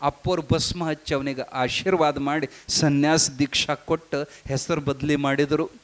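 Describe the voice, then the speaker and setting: A man's voice: steady tone, normal speed. A man with a North Karnataka Kannada accent preaching a sermon as a story and acting out the dialogue in it. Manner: acts out the dialogue in the story by moving his pitch up and down.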